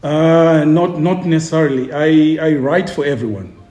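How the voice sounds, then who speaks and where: A man's voice: on the high side, moderate pace, warm tone. A man in his forties from Zimbabwe, a tour guide and author, talking casually in an interview, chatty and jokey, often repeating words while he searches for the next ones. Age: 40s. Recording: roomy echo.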